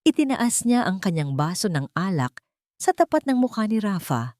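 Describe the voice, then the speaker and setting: Her medium-pitched voice swings widely in pitch as she narrates a scripted dramatic story at an ordinary pace. She has a Filipino accent and a darkish tone, captured in a dry, studio-quality recording.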